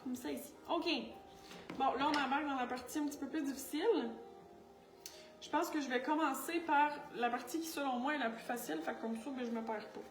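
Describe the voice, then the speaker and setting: A woman's voice: sits high, brisk, recorded from a distance. A woman with a Quebec French accent talking through a makeup tutorial in a chatty, scattered, self-mocking way as she works. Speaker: makeup artist. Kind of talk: makeup tutorial, casual talk to camera. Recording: echoey room with faint music.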